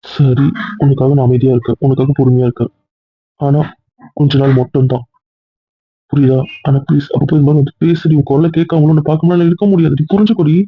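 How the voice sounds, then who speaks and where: Man as a forceful young husband, fast and husky, tinny lo-fi audio drama. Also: a little high, fairly even intonation, no echo. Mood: insistent. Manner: pleading then insistent, quick. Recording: tinny phone-like dry sound.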